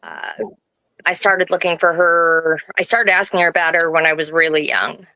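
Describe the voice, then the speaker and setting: Nervous woman in her late 20s, gravelly bright voice, keeps stopping and restarting, dry sound. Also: low-pitched, steady tone, dry recording, rough recording. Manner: hesitant, halting, with many restarts. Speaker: interview guest. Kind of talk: personal interview.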